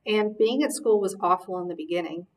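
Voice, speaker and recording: Woman reading a kids' novel out loud, steady, mic kinda far away. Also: mid-range voice, fairly quick. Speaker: reader. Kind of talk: audiobook narration. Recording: voice distant from mic.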